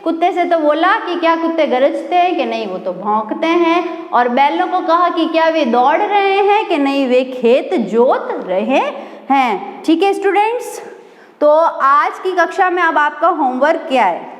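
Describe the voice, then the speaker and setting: Her voice very high and her intonation lively, a female Sanskrit teacher patiently leads a recorded online class without rushing. She says words again slowly and quizzes the students, in an echoey room with long reverb.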